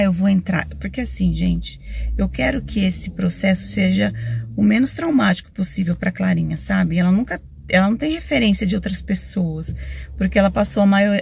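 A young Brazilian mother vlogs on her phone while on the go outdoors and in a car on a rainy day, chatting casually and confidingly with her viewers. Her mid-range voice is creaky, husky and a little mellow, and she is talkative throughout.

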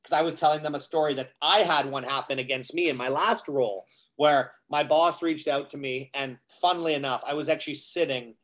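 A man telling stories in a casual live-show conversation, acting out quoted dialogue and often pausing on fillers. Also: fairly high pitch, a bit bright. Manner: storytelling, acts out quoted dialogue with many fillers. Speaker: guest speaker on cybersecurity.

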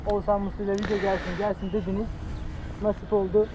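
A young man with a high voice chats rapidly and casually with a fellow rider. The sound is dull, as from inside a helmet, with clear vehicle noise. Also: flat delivery. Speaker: motorcycle vlog guest rider. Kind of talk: casual motovlog chat.

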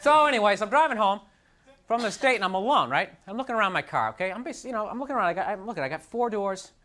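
A man's voice: lively intonation, fast. Exasperated young man doing stand-up. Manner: exasperated, self-mocking, jumps into high mocking voices. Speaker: stand-up comedian. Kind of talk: stand-up routine. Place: TV studio stage with live audience. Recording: noisy, with loud audience laughter.

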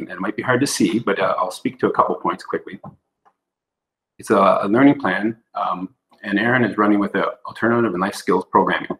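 Low-voiced man presenting on a video call. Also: fairly bright tone, low-quality recording. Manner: explanatory, with frequent fillers and restarts. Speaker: school board administrator presenting. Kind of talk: presentation at a remote board meeting. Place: indoor room on a video call.

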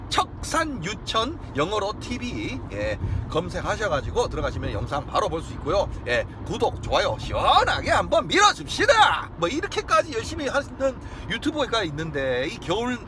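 A boisterous male live-streamer with a Gyeongsang accent holds forth in an excitable monologue. His voice sits high and swings widely, given to shouting and chanting. Clear vehicle and street noise runs through the recording. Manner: boisterous, bursts into shouting and mock-religious chanting.

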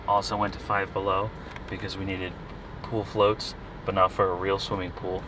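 A middle-aged man with a lowish voice talks casually to the camera in a family vlog. He jokes with a dry, sarcastic edge. Steady background noise from filming on the go sits under him. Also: moderate pace. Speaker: vlogger father.

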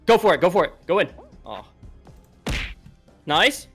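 A young man calling plays to his team during an online game, firing off repeated quick commands. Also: high-pitched, very animated, creaky, a bit bright, husky, soft background music. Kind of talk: gameplay team callouts.

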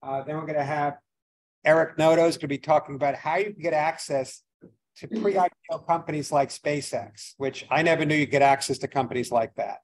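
A man on the high side of the vocal range hosts a financial seminar at an event venue, speaking fairly quickly to a live audience in a low-quality recording. As a financial advisor giving casual opening remarks, he meanders a bit, jokes at his own expense, and relies on many fillers.

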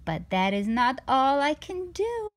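A woman's voice: high-pitched, big pitch swings, measured pace, slight background noise. A woman voicing a boastful, playful giant cat in a storybook, with an eager, showy, sing-song delivery. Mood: excited boasting.

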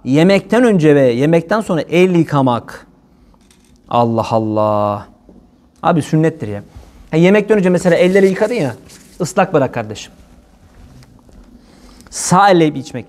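Guy doing a chatty religious talk, kinda high voice, cracks jokes, does little voices. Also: normal speed, pauses often. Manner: joking, lively, slips into playful quoted voices.

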